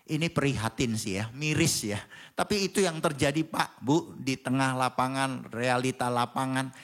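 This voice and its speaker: A man preaching a Sunday sermon in a church, swinging between loud exclamations and low chuckling asides. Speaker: pastor. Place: church hall.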